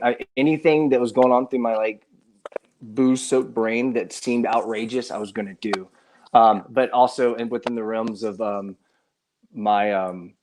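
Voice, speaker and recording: A man who is a musician, a guest on a live stream, talking in a rambling, halting way with many restarts and trailing phrases. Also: on the low side, a little mellow, a little hiss or hum. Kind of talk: casual live stream chat. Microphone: live stream setup.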